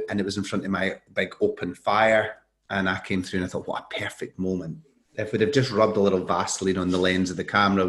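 Middle-aged man, low register, animated anecdote teller, voices the people he quotes. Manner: animated, acts out quoted dialogue. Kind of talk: storytelling in conversation.

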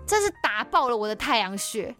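A woman's voice: fairly high pitch, big pitch swings, fairly quick, pushed and bright, faint music behind. A woman with a Taiwanese Mandarin accent telling a personal story on a podcast, emotional and intense.

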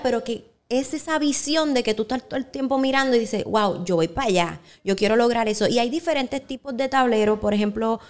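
A woman hosting a casual interview, talking in a conversational way and often checking for agreement with tag questions. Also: fairly high pitch. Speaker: interview host.

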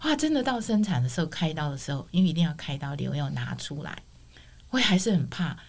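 A middle-aged guest recounts her personal testimony fast, her voice sitting a little low for a woman, with vocal fry. She tells it vividly and expressively, switching into the voices of those she quotes.

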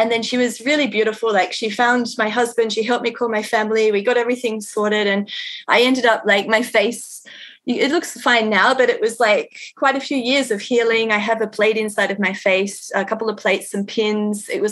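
A woman guest on a podcast telling a personal story in an earnest, animated way, often using "like". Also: on the high side.

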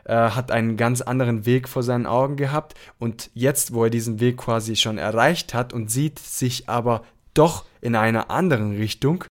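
Speaking at a normal speed with few pauses, this young Apulian podcast host has a mid-range voice. In casual conversation on his show, he rambles through lengthy answers packed with fillers.

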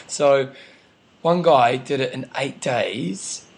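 A man's voice: medium pitch, slow pace, slight background noise. A man with a broad New Zealand accent chatting casually and informally as a podcast host, using plenty of slang. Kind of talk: casual co-hosted sports chat.

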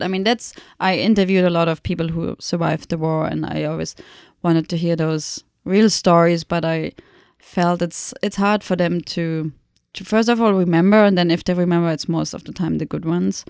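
A middle-aged woman from Germany with a German accent, her voice carrying a gravelly, creaky texture as she muses through her answers. She pauses and restarts often, picking her words with care. The sound is close and dry, with no room around it. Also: on the low side, steady tone, darkish tone, no room sound. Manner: reflective, halting, many restarts. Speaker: photographer guest. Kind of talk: conversational interview.

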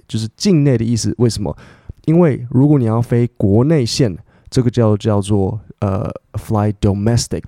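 Low gravelly man teaching English. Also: warm tone, no echo, clean studio sound. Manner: reads English sentences slowly, spells words letter by letter; casual, chatty with many fillers and asides. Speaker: English teacher podcast host. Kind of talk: bilingual English lesson, reading news and explaining words.

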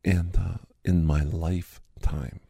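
A chatty male doctor in his fifties, played by a man in a whispered role-play, gravelly and dark-toned. He rambles in an easy, half-whispered way while giving a massage, close and dry on the mic. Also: low-pitched, steady tone, slow pace, no room sound, heavily acted. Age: 50s. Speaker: ASMR host.

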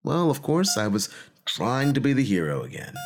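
A man with a mid-range, sing-song voice speaks at normal speed over slight background noise, playing a frustrated, self-justifying male military colonel who is a time traveler. In this audio drama he records a conversational personal log, his mood frustrated and wry.

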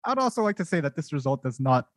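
A man's voice: a little high, sing-song, quick pace, dry recording. A man co-hosting a podcast, chatting casually and a little defensively, with hesitant phrasing, on a close mic. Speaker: podcast co-host. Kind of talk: casual chat.

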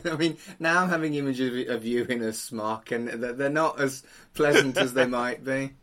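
A man's voice: mid-range voice, normal speed, fairly bright tone. A middle-aged man, hosting a podcast in an informal, teasing, chatty way. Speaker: podcast host, funeral celebrant.

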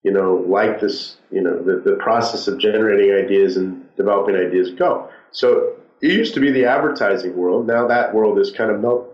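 A man's voice comes through muffled, as if from the other side of a wall, with a dull, lo-fi tone and a roomy echo around it. He speaks low and thoughtfully, pausing often and leaning on fillers as he answers interview questions. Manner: halting, thoughtful, many fillers. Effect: muffled, as if heard through a wall. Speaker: entrepreneur guest.

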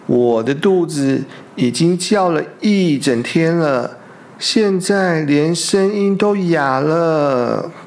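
A storyteller voicing a big, hungry, stubborn male bear in a slow, low, drawn-out voice for a children's storybook. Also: darkish tone. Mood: insistent.

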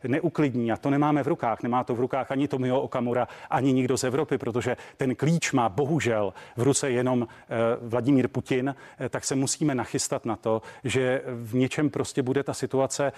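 A man serving as a minister speaks formally and with measured phrasing in a studio debate. He turns indignant at interruptions. His pitch sits in the ordinary middle range. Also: steady tone, darkish tone. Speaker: government minister and deputy party chair. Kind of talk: political debate.

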